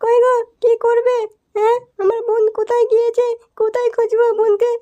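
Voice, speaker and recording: A woman voicing a fussy, sharp-tongued adult woman in a comic cartoon who fires off question after question. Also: extremely high pitch, flat delivery. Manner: scolding, rapid questioning. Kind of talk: cartoon voice acting.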